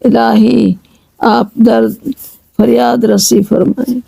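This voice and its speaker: A woman slowly chanting devotional verses in a pleading tone, then explaining each line in measured speech. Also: on the high side, level tone, gravelly, mellow, breathy edge, no echo, low-quality recording. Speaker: religious reciter and translator. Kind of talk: devotional recitation with line-by-line translation.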